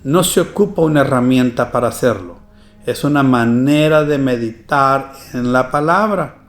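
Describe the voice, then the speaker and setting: A man teaching a church Bible study lesson, reading verses slowly and deliberately with emphasis. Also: mid-range voice. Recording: echoey room.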